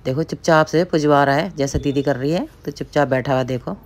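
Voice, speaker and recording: A woman's voice: deep voice, a little fast. Chatty woman narrating. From Pahari hill region of India. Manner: chatty, repetitive, addresses viewers as friends. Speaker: vlogger narrating a family ritual. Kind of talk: casual voice-over commentary.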